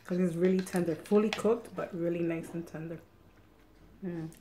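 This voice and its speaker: A woman's voice: on the low side, steady tone, normal speed, dark tone, a little hiss or hum. A middle-aged woman hosting an eating show, chatting casually while she eats at home. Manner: chatty, eats and talks with mouth full.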